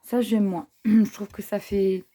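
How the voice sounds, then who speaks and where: Chatting informally while displaying craft papers, a craft haul vlogger from France uses plenty of fillers and admiring asides. Her medium-pitched voice is warm and unhurried, with little pitch movement.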